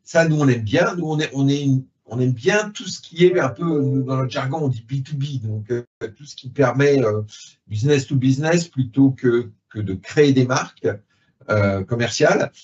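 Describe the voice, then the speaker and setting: Man, panel speaker, explanatory, lots of fillers, mid pitch, dull lo-fi sound. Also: moderate pace, a little mellow. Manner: explanatory, frequent fillers, uses analogies. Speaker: private equity fund director.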